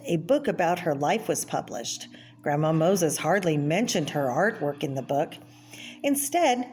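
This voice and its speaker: A woman with a fairly low, darkish voice reads a children's art book aloud, explaining plainly as if to young listeners and adding brief personal asides. It's a homemade read-aloud video with clear background noise.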